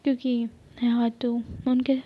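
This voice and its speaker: A woman's voice: on the high side, flat delivery, close to an everyday voice. A woman voicing Manpreet, a caring young friend who coaxes and lectures frankly, in whispered role-play. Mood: coaxing. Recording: dull lo-fi recording.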